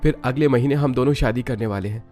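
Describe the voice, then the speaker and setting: Guy doing an earnest young student in a cartoon story, pleading, steady middle pitch. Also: quick pace, faint music behind, lightly acted. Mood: urgent. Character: anxious young male student, troubled son.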